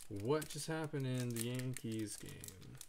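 A man's voice: mid-range voice, slow, creaky, a little mellow, a little hiss or hum. A man hosting a casual live card break, reading out card names and chatting with viewers.

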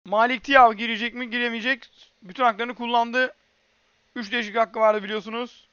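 A man doing live football play-by-play as an excitable commentator who screams players' names at big moments. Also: very high-pitched, brisk, smooth, dry recording, muffled recording.

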